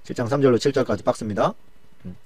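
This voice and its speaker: A male pastor teaching a Bible study lesson with colloquial, animated storytelling. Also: mid-range voice, fast talker, no room sound.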